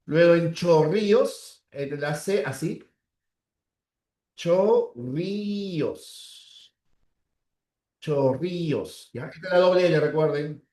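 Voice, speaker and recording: A man lectures a class in a fairly high voice, slowly sounding out each example word and pausing to check that students follow. His voice carries a noticeable room echo, as if recorded in a classroom. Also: mellow. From Peru. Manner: slow, drawn-out spelling of example words; checks in with the class with short tags. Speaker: teacher.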